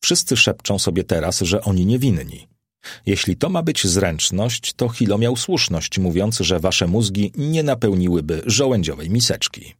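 A man's voice: low voice, big pitch swings, moderate pace, husky, no echo, studio quality, exaggerated voice. A man reading the part of a scornful, indignant Roman nobleman.

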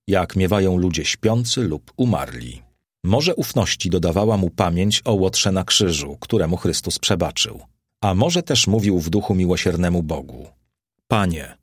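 A man narrating an audiobook of a classic novel with an expressive, dramatic reading. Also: low-pitched, slightly rough, no room sound, studio quality.

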